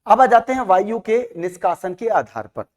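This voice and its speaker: A man's voice: sits high, sing-song, moderate pace, a little mellow. A man teaching a lesson, repeating sounds aloud and asking questions he then answers himself. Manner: drills sounds by repetition, asks and answers own questions. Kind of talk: classroom lecture. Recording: long hall reverb.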